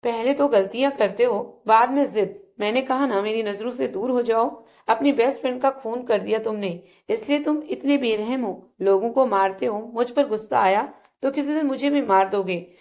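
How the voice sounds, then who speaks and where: A young wife with a fierce temper, played by a woman storyteller in a told family drama. She scolds in short, harsh commands. Her voice is fairly high. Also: moderate pace, a little mellow, close to an everyday voice. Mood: angry. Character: young wife, sharp-tempered, later remorseful.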